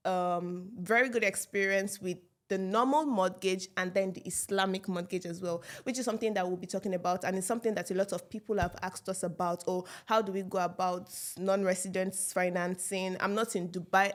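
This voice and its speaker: A woman's voice: mid-range voice, steady tone, fairly quick, hardly any pauses. Woman host for an interview show, mid-range voice, friendly upbeat delivery with frequent laughs. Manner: upbeat, laughs often, chatty. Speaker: real estate show host. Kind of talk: casual interview hosting.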